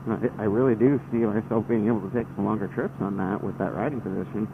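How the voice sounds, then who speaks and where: A man's voice: lowish voice, steady tone, fast, narrow, tinny audio. A man chatting casually and hesitantly from inside a motorcycle helmet, rambling like a motovlogger as he rides. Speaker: motorcycle vlogger. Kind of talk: casual motovlog chat while riding. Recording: band-limited helmet mic, engine and road noise. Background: vehicle noise.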